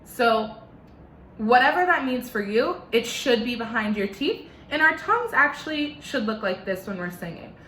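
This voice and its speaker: A woman's voice: fairly high pitch, very animated, moderate pace, fairly bright tone, roomy sound, a little hiss or hum. A young woman with a slight lisp teaching an online singing lesson from her living room, giving step-by-step instructions.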